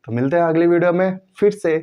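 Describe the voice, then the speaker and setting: A man teaching English pronunciation in a slow, repetitive way, drawing out the example words. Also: fairly high pitch, muffled recording. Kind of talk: explanatory lesson to viewers.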